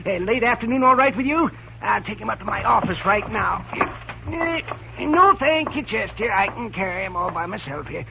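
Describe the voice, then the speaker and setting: Radio western: a ghoulish, joking frontier doctor, very high voice, muffled. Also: male voice, lively intonation, normal speed, gravelly. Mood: wry. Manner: wry, gleeful about gruesome work. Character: sardonic frontier town doctor. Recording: muffled hissy old radio broadcast.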